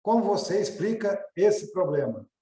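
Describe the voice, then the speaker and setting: Brazilian male co-teacher, hesitant explainer, high and mellow, echoey room. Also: big pitch swings, normal speed, a little hiss or hum. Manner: hesitant, searching for words. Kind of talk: classroom explanation.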